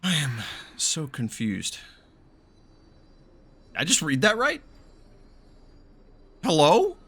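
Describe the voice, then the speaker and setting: A gaming streamer reacts to a story quest with casual, exclamatory live commentary, swearing freely and asking baffled questions. His fairly high, fairly bright voice swoops wildly in pitch, has a breathy edge, and moves slowly. Game music and dialogue play faintly behind him.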